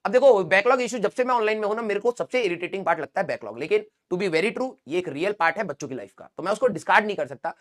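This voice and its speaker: A man's voice: high-pitched, lively intonation, fast talker, hardly any pauses. A young man teaching, giving an earnest motivational talk to exam students and checking in with them often. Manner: earnest, addresses students as beta, frequent "theek hai?".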